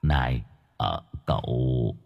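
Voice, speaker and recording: A man voicing the ghost of an old man who mutters low and sheepishly. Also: animated, slow, gravelly, breathy edge, dull audio, faint music behind, heavily acted.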